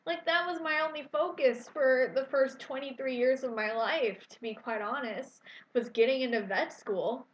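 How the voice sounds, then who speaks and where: A young woman in her twenties tells her own story straight to the camera. She speaks candidly and emotionally, filling pauses with ums and restarting her sentences, her voice slightly high. The recording is dull and lo-fi, with an echoey room around her. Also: a little hiss or hum. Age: 20s. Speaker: vlogger. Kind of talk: personal story vlog.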